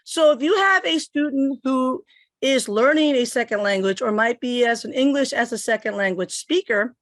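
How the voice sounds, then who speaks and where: A woman's voice: high-pitched, moderate pace, no echo, studio quality. A middle-aged woman from Puerto Rico giving a step-by-step tech demo at her computer, explaining each click as she goes. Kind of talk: instructional screen demo. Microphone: computer microphone.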